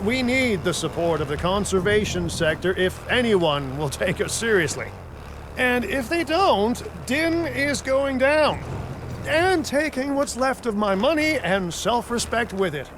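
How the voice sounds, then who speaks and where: An actor playing a flippant, self-serving dinosaur park boss in a video game, glib and joking. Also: male voice, very high voice, animated, unhurried. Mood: anxious pleading. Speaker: park boss giving instructions. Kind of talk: video game character dialogue. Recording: clear vehicle and outdoor ambience noise.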